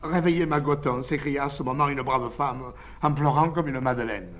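A man telling a folk tale aloud as a lively storyteller. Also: medium pitch, normal speed. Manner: lively storyteller, voicing many characters.

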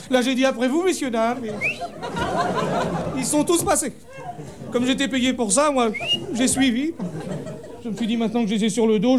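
A man with a strikingly high voice tells a comic story in a deadpan way. He breaks into shouted punchlines. The audience laughs loudly through a live, noisy theatre recording. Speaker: stand-up comedian. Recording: live show recording with crowd laughter and noise.

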